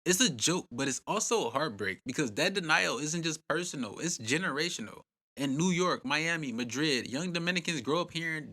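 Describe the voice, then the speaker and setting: A man, the host and narrator, delivers a scripted history documentary in a bright, ringing voice on the high side. His style is punchy and dramatic, packed with rhetorical questions and short, emphatic lines.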